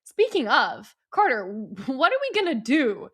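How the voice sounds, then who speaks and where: A woman co-hosting a podcast in casual chat, playful and quick to laugh. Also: high-pitched, big pitch swings, fairly bright tone. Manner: playful, giggly, bubbly. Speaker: podcast co-host.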